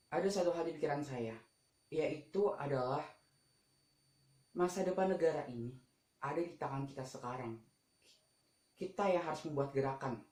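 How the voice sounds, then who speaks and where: In an echoey room, a teenager hosts a school vlog, talking casually but with emphasis and frequently directing questions at the audience. The student's voice sits in the mid-range and sounds a little mellow.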